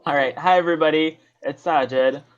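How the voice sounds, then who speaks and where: A man's voice: on the high side, steady tone, a little fast, clear, resonant tone, lo-fi sound. A man from Trinidad, hosting a casual book club livestream and chuckling as he talks. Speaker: channel host.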